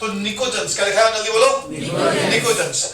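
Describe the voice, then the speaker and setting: A man's voice: sits high, fast talker, echoey room, far from the mic, crowd noise. A male teacher leading a chemistry class in call-and-response, chanting mnemonics in a sing-song way and joking with his students.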